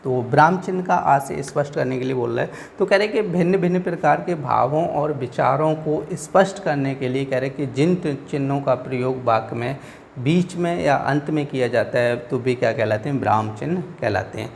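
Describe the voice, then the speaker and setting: A man's voice: medium pitch, fairly quick, creaky, slight background noise. A man teaching an exam-prep grammar lesson, explaining patiently, repeating each point and checking in with his students.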